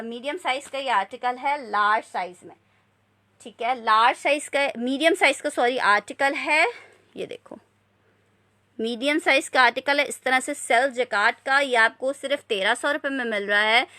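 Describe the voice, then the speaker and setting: Female live-stream seller, high-pitched and sharp-edged, repetitive pitch, informal asides to buyers. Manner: repetitive selling patter, repeating prices and sizes. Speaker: live online clothing seller. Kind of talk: live sales presentation with casual chat to viewers.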